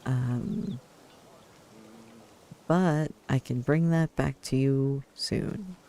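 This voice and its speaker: A man's voice: mid-range voice, drawn-out words, mellow. A man giving casual video game commentary, musing and hesitant as he thinks aloud and reads in-game text. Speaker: player narrating a video game.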